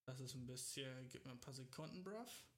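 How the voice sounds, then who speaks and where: A man's voice: medium pitch, brisk, a bit bright. A young man hosting a podcast, telling a rambling comic monologue full of slang and English swear words, laughing at his own jokes. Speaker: podcast host. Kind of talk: casual comedic podcast monologue.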